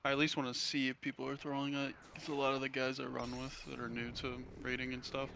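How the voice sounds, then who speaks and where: A man's voice: mid-range voice, monotone, quick pace, gravelly, background noise. A man chatting casually over voice chat while gaming, teasing his friend and swearing often.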